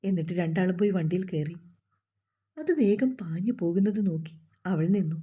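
A woman storyteller narrating a scripted story in a steady, emotive way, on a dull lo-fi recording. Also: on the low side, moderate pace, husky.

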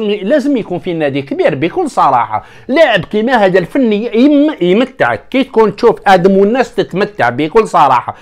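A young football vlogger with an Algerian Arabic accent and a very high voice rambles animatedly through casual football commentary, calling his viewers brothers.

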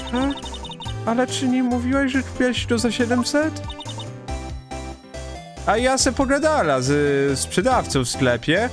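A hoarse man voicing a loud, brash young woman photographer who talks rough and mangles her grammar. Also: extremely high pitch, pitched above the performer's own voice, full character voice.

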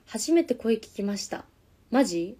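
In the corner room of her apartment, a young woman with a fairly high, sing-song, husky voice and a dark tone chats unhurriedly on a live stream between karaoke songs. She reads out viewers' comments while speaking softly to avoid complaints from the neighbours.

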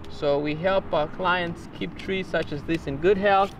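A man from Rwanda, a tech company founder, calmly explaining his work in a documentary interview. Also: high-pitched, unhurried, background noise. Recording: music bed underneath.

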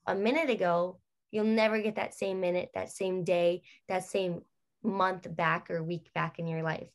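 A woman's voice: on the low side, steady tone, normal speed. A young woman, a guest singer, talking earnestly and chattily on a video call, drifting off on tangents. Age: young adult. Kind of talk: casual video-call interview. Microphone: laptop webcam on video call.

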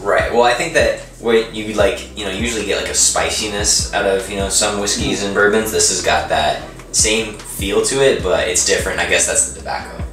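A man's voice: on the low side, steady tone, moderate pace. A man in his twenties chatting in a laid-back, agreeable way as co-host of a casual review. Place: small room with home bar, indoors. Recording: roomy echo, slightly distant mic, music behind.

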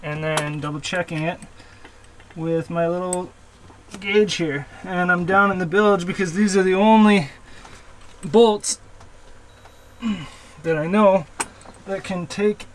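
High-voiced man explaining engine repair. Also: steady tone, takes it slowly, long pauses, slight background noise, low-quality recording. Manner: chatty, explanatory, self-deprecating. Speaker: sailor rebuilding a boat engine. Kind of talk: casual how-to narration. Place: cramped boat engine bay below deck.

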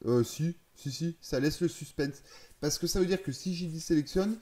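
A man's voice: fairly high pitch, normal speed, warm tone. A man casually explaining a game's settings, thinking aloud, hesitating and correcting himself as he goes. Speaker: gaming video creator.

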